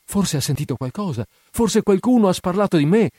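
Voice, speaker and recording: A man reading aloud, voicing a heartbroken, desperate young woman who pleads in high, anguished cries. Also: big pitch swings, normal speed, dark tone, no echo, studio quality.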